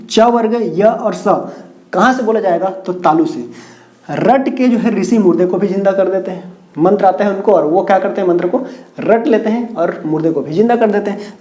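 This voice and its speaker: A man's voice: sits high, mellow. A man teaching grammar at a board, repeating points and asking and answering his own questions. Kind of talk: whiteboard lecture with mnemonics.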